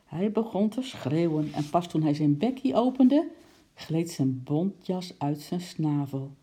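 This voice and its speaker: A storyteller reading a children's book aloud in a lively voice, acting out the characters. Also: mid-range voice, a little slow, slightly rough.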